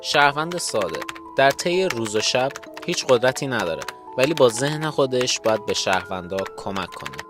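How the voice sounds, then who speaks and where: A man's voice: mid-range voice, big pitch swings, music in the background. A man narrating a scripted explanation of game roles.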